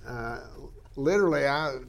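This wildlife biologist in his sixties, from southwestern Oklahoma, rambles through stories about his life in a laid-back interview, using lots of fillers. His voice is medium-pitched and animated, at a normal speed.

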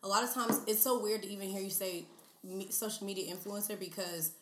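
A woman's voice: mid-range voice, brisk, noisy background. Chatty young woman in a roomy room. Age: 20s. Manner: animated, chatty, many fillers. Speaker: podcast guest. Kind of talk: casual interview chat. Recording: roomy echo.

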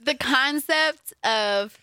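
High, bright-voiced giggly young woman. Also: drawn-out words, smooth, no room sound. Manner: giggly, animated storytelling, quoting herself. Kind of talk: casual chat.

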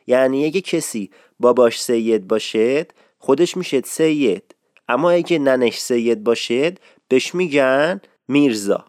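A man giving a casual spoken lesson on dialect forms of address, repeating key words slowly for emphasis. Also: a little high, no room sound, studio quality. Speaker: dialect teacher.

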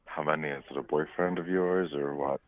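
A man from Miami with a very deep, low, magnetic voice, talking casually on a phone call. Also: steady tone, a little fast. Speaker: male escort taking a phone call. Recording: tinny narrow phone line.

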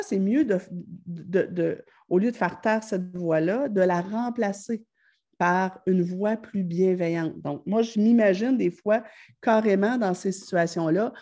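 A woman with a Quebec French accent giving calm, explanatory advice to parents, often pausing with fillers and restarting her phrases. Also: medium pitch.

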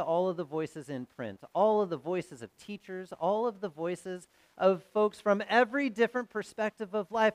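A man preaching a sermon as pastor, in a conversational style that swings from loud to soft. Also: sits high, dry recording.

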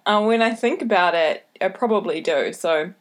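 A woman with a broad New Zealand accent hosting a solo podcast, giving motivational advice in a careful, deliberate way. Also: medium pitch. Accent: broad New Zealand (Kiwi). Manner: deliberately slowed, careful delivery with repeated key points. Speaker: podcast host.

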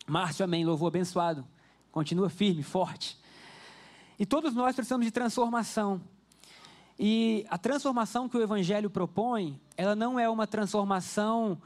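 Pastor, male, unusually high voice; lively, chatty preacher telling stories to his church. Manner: lively storyteller, speaks directly to the congregation. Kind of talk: conversational sermon with personal stories. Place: church service before a congregation.

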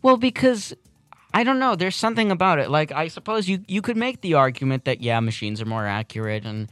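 A man's voice: fairly high pitch, sing-song, a little fast, fairly bright tone, no room sound. A man hosting a casual morning radio interview in a studio, questioning his guest and pushing back on the answers, his voice rising when he is worried. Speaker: radio show host.

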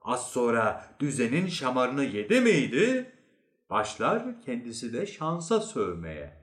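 A male narrator telling a short story with a wry, expressive delivery and a lively, swinging pitch. The reading sounds echoey, as if in a bare room. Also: unhurried.

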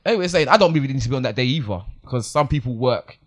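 A man's voice: medium pitch, expressive, very fast. A man hosting a casual panel chat, explaining himself insistently in slangy speech. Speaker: podcast host.

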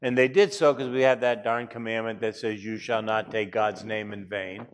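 A man's voice: lowish voice, level tone, moderate pace. A man teaching a class, chatty, with wry asides and frequent fillers. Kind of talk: classroom lecture.

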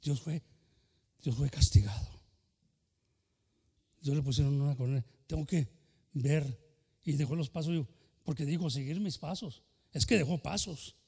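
Older pastor preaching passionately in a hall. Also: male voice, fairly high pitch, normal speed, long pauses, warm tone, husky. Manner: impassioned, switching between Spanish and English. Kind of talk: bilingual sermon.

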